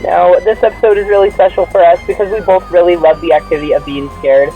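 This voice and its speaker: A man's voice: high voice, fairly even intonation, fast, soft background music. A man hosting a podcast in a casual, chatty style. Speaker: podcast host. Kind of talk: casual chat. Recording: dull lo-fi makeshift recording.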